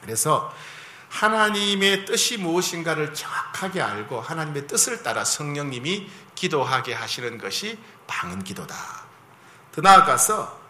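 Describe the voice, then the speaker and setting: Male pastor, conversational sermon style, bright and somewhat high voice, faint room ambience. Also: reverberant, slight background noise. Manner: conversational preaching, asks the congregation for agreement.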